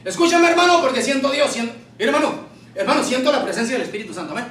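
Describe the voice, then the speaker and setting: A male pastor preaching a fervent, shouting sermon and calling out to the congregation in a church hall. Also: very high voice, expressive, very fast, a little hiss or hum. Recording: echoey church from far off.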